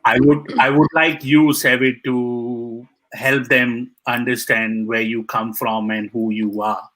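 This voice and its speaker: Male host, bright tone, halting delivery with repeated "that's good", video call. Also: medium pitch, little pitch movement, poor audio. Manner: halting, repeats short praise. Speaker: host of a live online panel. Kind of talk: live video call interview.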